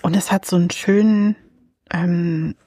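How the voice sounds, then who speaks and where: A woman's voice: on the low side, steady tone, a little slow, warm tone, no room sound, clean studio sound. A woman co-hosting a casual podcast chat, talking with enthusiasm, thinking aloud and laughing often. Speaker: podcast co-host reviewing comics.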